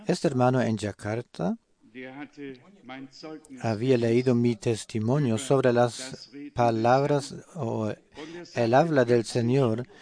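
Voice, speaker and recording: A man preaching a sermon in a measured way, pausing often with hesitant fillers. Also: medium pitch, mellow. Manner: slow, measured delivery with frequent hesitations.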